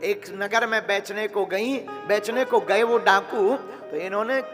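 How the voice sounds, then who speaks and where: Man with telling a holy story, slow and high, echoey hall, soft music under. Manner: slow, devotional, emotive narration. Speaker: religious storyteller. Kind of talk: devotional story sermon.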